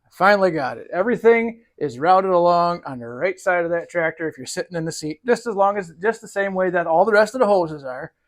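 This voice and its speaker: A man's voice: high-pitched, animated, a little fast, few pauses. A man narrating casually to his viewers while he works on a tractor in his barn, in a folksy, easygoing way. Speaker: DIY tractor mechanic.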